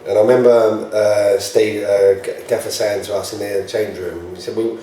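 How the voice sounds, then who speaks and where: A man's voice: lowish voice, level tone, moderate pace, mellow. A man who plays football, chatting casually and telling anecdotes in a matey way. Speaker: football player. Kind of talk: casual group chat. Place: reverberant indoor room. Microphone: distant from the speakers. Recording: very echoey room, distant mic, faint noise.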